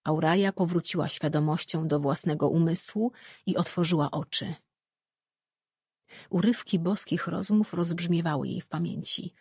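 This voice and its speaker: An audiobook narrator reading a fantasy novel in an even, steady storytelling manner. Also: mid-range voice, moderate pace, husky, no echo, clean studio sound.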